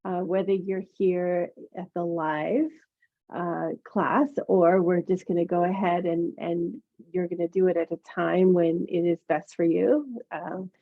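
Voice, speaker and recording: A woman's voice: on the low side, vocal fry. A woman teaching yoga, casually talking a class through its introduction. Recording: phone-like narrow-band sound.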